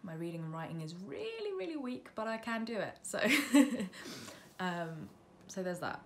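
This British vlogger in her mid-twenties has a medium-pitched, sing-song voice and a measured pace, chatting casually and self-deprecatingly to camera. She's indoors in a bedroom by a window facing a busy road, with the camera on the windowsill roughly arm's length away. The room is noisy, with passing traffic in the background.

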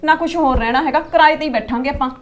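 A woman with an Indian Punjabi accent playing a skeptical village wife who scolds her husband with sharp retorts. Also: sits high, very fast, close to an everyday voice. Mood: scolding. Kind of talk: comedy skit acting.

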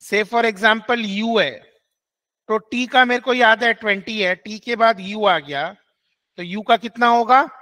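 A man runs an online class, moving between Hindi and English and slowly repeating the key rules so students can write them down. His voice is high, pushed and bright.

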